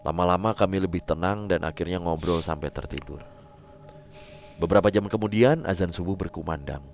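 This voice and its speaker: A man narrating a listener's first-person horror story in an expressive, dramatic way. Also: deep voice, fairly quick, gravelly, faint music behind.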